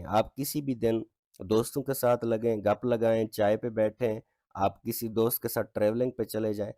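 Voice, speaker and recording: A man teaching an English textbook lesson, reading example sentences slowly with stress and checking in with his students often. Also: mid-range voice, warm tone, no echo, studio quality. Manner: reads English lines slowly with stress, asks "ठीक है?" often. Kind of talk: explaining a textbook exercise.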